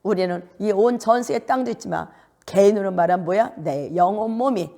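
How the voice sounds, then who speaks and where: A middle-aged woman pastor preaching a sermon, often asking her listeners rhetorical questions and jumping up into high notes to make a point. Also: a little fast, creaky, warm tone. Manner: rhetorical questions to the congregation, sudden jumps to high pitch.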